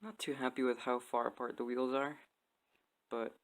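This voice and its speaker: A man narrating his hobby model build to a phone camera, excitable, laughing often and apologizing as he works. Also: mid-range voice, normal speed, low-quality recording. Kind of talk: casual hands-on vlog narration. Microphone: phone camera on a stand.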